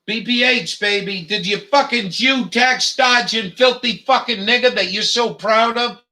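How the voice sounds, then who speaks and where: A man's voice: high voice, measured pace, pushed and bright. A man hosting a livestream, ranting in a heated, profane, rambling way with many fillers. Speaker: livestream host. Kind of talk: angry profane rant.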